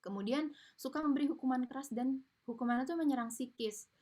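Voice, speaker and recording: A woman's voice: high voice, fast talker, a little mellow. Chatty woman giving a parenting webinar. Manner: chatty, explanatory, frequent tag fillers. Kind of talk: informal online lecture. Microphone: video call mic.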